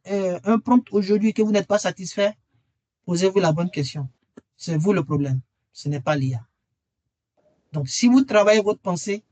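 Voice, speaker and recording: A man's voice: high-pitched, a little mellow, no room sound. A man presenting a webinar and earnestly persuading listeners to join his training course, repeating key phrases for emphasis. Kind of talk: webinar sales pitch.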